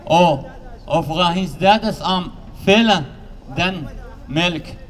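High-voiced man speaking halting non-native Danish. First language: not Danish. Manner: halting, non-native Danish with many restarts, growing heated. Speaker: asylum seeker speaking at a public meeting. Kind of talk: public testimony.

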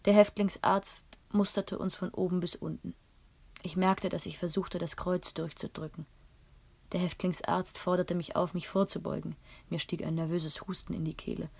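A woman reading a first-person story aloud in a calm, measured way. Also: lowish voice, creaky, slightly rough. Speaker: audiobook narrator.

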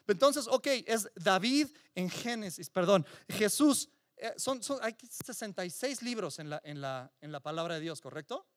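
High-voiced preacher, emphatic. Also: male voice, animated, normal speed, no room sound, clean studio sound. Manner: emphatic preaching with repetitions and rhetorical questions. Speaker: pastor. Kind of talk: sermon.

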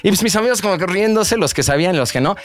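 A man's voice: high-pitched, fast talker. A young man with a Mexican accent telling a slang-filled story among friends and acting out the voices of the people in it. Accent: Mexican Spanish. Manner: slangy, animated, acts out voices in his anecdote.

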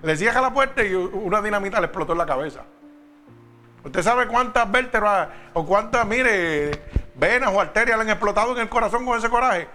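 A man's voice: high voice, animated, a little fast, bright, forceful tone, faint music behind. A man preaching a sermon, talking straight to the congregation with emphatic questions.

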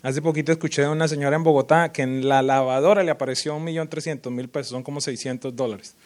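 A man preaching a sermon as a pastor, lively and full of sudden loud rises and teasing impressions of worshippers. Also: mid-range voice, quick pace.

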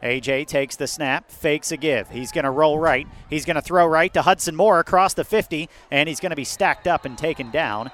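A man with an American accent doing live football play-by-play outdoors atop a windy press box, lifting into excitement on big plays. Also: fairly high pitch, normal speed, few pauses. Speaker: play-by-play sports announcer. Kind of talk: live American football radio-style commentary. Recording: windy outdoor stadium broadcast.

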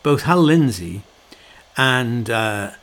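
A man's voice: mid-range voice, lively intonation, slow, fairly bright tone. A middle-aged man giving a reflective, conversational monologue, full of fillers and restarts, with a wry and sorrowful tone. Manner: wry, sorrowful tone about his subject.

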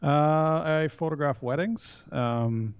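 A man's voice: fairly high pitch, takes it slowly, clear, resonant tone, dry recording. Canadian man, thirties, interview guest, rambling with lots of ums and restarts, dry muffled sound. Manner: rambling with many fillers and restarts. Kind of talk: casual interview.

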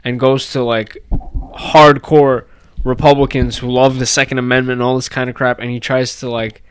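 Casual male co-host, smooth and resonant voice, dry close sound, animated storyteller, swears freely. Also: medium pitch, normal speed, no room sound. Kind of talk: casual chat.

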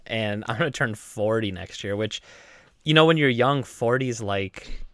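A man's voice: fairly low pitch, unhurried, a bit bright, no room sound. A man in his late thirties, co-hosting a podcast in casual chat, rambling with many fillers and restarts. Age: 30s. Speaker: podcast co-host.

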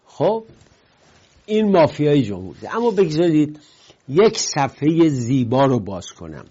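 A male host delivers political commentary in a warm, mellow voice. He rambles from one anecdote to the next, lifting his voice now and then for emphasis. The recording sounds dull and lo-fi. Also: on the high side, very animated, slightly rough. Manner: rambling, digressive storytelling with emphatic swings in loudness.

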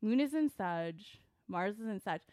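A woman's voice: medium pitch, expressive, warm tone, dry recording, studio quality. A woman co-hosting a podcast in casual chat, joking and talking over her friend. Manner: chatty, joking, fast and overlapping. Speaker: podcast co-host.

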